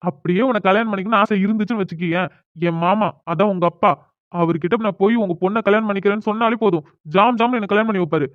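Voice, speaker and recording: A man voicing a proud, quick-tempered young man in a cartoon drama, arguing bluntly. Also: high voice, no echo, natural voice. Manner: argues fast and bluntly. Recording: tinny phone-like sound.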